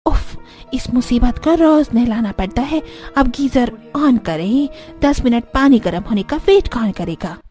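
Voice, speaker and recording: A lazy, ill-tempered young nanny grumbles and mutters through her chores, as a woman voices her for a cartoon. Her voice is fairly high, with faint music underneath. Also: expressive, unhurried, dark tone. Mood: grumbling.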